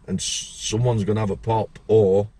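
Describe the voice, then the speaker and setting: A middle-aged man with a Yorkshire accent hosting a podcast, chatty and quick to cut in with his own stories. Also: on the low side, flat delivery, warm tone, slight background noise. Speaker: podcast host. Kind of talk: casual interview chat.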